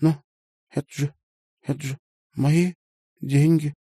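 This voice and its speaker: Man doing a timid young woman, high whiny voice, pleading, frightened, dry sound. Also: fairly even intonation, takes it slowly, warm tone, breathy edge, no room sound.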